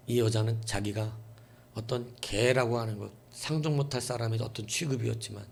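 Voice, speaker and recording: A man pastor preaching a night-service sermon, emphatic, acting out imagined dialogue and swinging between loud outbursts and hushed asides. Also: medium pitch, creaky, slight background noise. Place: church.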